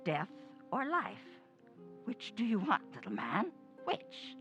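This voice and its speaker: A sly, menacing old ghost woman in a radio horror play. Her voice is creaky and very slow, taunting and gloating as she gives orders. Faint music runs behind her. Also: medium pitch, huge pitch swings, fairly bright tone, dull audio, full character voice. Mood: eerie menace. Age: older.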